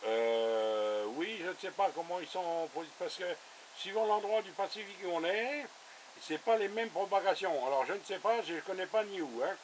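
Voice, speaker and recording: A man with a high, animated voice chats at a moderate pace as an amateur radio operator, keeping things colloquial and easygoing during a casual radio contact. He is at a radio station with a camera running. The audio is poor, carrying a little hiss or hum.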